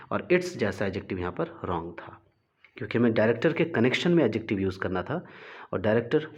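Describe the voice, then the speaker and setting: A man teaching English grammar for exams, explaining step by step and reading example sentences slowly and deliberately. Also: on the low side, a little mellow, breathy edge, dull audio. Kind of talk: explaining exam grammar questions in Hindi.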